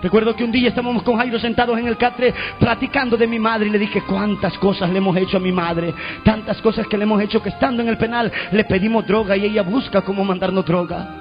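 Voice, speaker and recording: A man preaching and telling his testimony, with loud shouted proclamations and call and response. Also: high voice, steady tone, fast. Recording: dull lo-fi recording with faint music.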